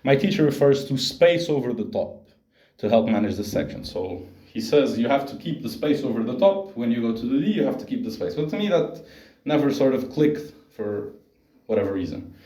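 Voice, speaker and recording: A man's voice: mid-range voice, lively intonation, a little fast, mellow. Young man presenting in a roomy space. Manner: explanatory, with fillers and self-corrections. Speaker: voice student presenting. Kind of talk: spoken presentation. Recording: roomy echo.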